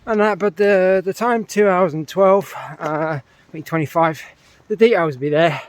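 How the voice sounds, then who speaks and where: A man's voice: high-pitched, moderate pace. A middle-aged man with a British accent, a little out of breath after a run, chatting casually to camera and rambling with lots of fillers and restarts. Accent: British English. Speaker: running vlogger.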